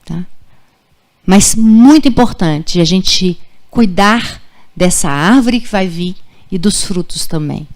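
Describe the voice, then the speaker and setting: A woman's voice: on the low side, lively intonation, takes it slowly. Woman in her forties, pediatrician speaking to parents in a friendly, conversational way. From Brazil. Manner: warm, conversational, checks in with "tá?" and "gente". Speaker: pediatrician giving a parenting talk. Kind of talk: live lecture to parents. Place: school auditorium.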